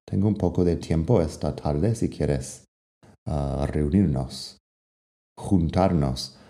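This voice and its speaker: Male podcast teacher, low and unhurried, patiently repeating examples. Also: warm tone. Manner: patient, explains slowly and repeats example sentences. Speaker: English teacher. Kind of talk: podcast language lesson.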